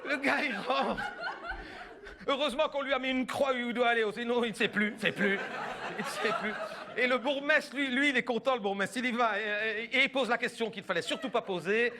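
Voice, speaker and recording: A man's voice: very high voice, a little fast, a crowd in the background. A man performing a stand-up comedy routine, telling a story and acting out the people in it with shifts of voice.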